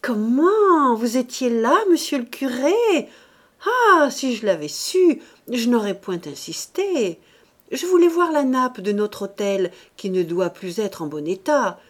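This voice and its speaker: A woman's voice: on the high side, expressive, a little slow, dark tone, husky, voice pushed up. A woman voicing a sneering judge's wife. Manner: mocking, terribly polite tone. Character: sarcastic, cutting middle-aged judge's wife.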